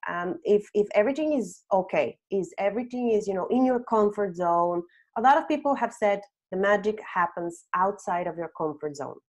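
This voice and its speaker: Medium in pitch and darkish in tone, her voice moves at a moderate clip as she walks through webinar slides. The host, a woman in her thirties from Bulgaria who works as an HR consultant, says "um" often and frequently checks in with "okay?".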